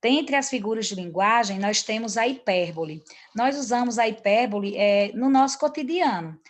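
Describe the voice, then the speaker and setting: A woman's voice: fairly high pitch, moderate pace. A woman teacher giving an online grammar lesson, with many fillers and restarts and a habit of checking in with her students.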